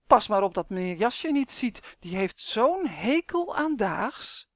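A woman's voice: mid-range voice, big pitch swings, takes it slowly, no echo, studio quality. A woman voicing a haughty, fussy girl doll who is prim and easily shocked, in a storybook reading.

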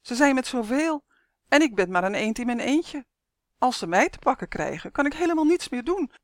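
Storybook duck-elf, male, cheeky, upbeat, raised pitch, woman performing, dry. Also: very animated, moderate pace, no room sound. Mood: cheerful. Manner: upbeat, teasing.

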